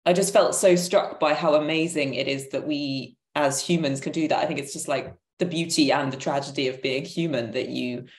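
On a video call from home, a panelist and theatre maker in her thirties thinks aloud with emphasis, searching for her words as she reflects conversationally. Her low-pitched voice stays fairly even and moves at normal speed with few pauses, and the sound is roomy and echoing.

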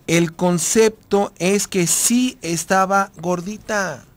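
Animated Mexican radio host, slightly high voice. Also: male voice, slow, no echo. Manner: animated, emphatic storytelling with repetition. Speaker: radio host and couples therapist. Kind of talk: live radio talk show. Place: radio studio booth.

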